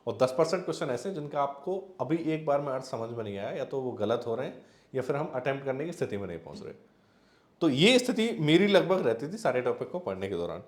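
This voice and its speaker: A man's voice: mid-range voice, sing-song, quick pace, reverberant. A man teaching exam preparation, talking it through in a conversational way with repeated examples and fillers. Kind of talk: explanatory exam-prep talk.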